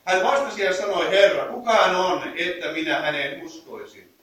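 Male preacher, high bright voice, scripture readings mixed with loose explanation, far off in an echoey room. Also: lively intonation. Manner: reads scripture, then explains with fillers and restarts. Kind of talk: sermon. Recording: echoey room heard from a distance.

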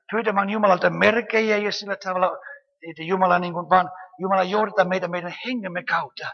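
A woman preaching a lively sermon, often calling out hallelujah and amen and asking her listeners rhetorical questions. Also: mid-range voice, gravelly, breathy edge, dull audio. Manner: animated, frequent hallelujahs and amens, rhetorical questions. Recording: long hall reverb.

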